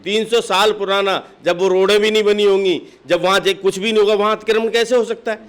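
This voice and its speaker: His voice sits high and sounds clean, with fairly even intonation and a brisk pace. Interviewed as a political party district official, he gives insistent, passionate, argumentative replies laced with rhetorical questions.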